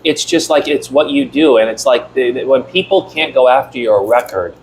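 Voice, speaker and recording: A man guests on a casual podcast and speaks bluntly in a mid-pitched voice, hammering home his points by repeating them. A faint background hiss runs under the talk. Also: animated, normal speed, poor audio. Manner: blunt and emphatic, repeats himself for stress. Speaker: podcast guest, city councilor.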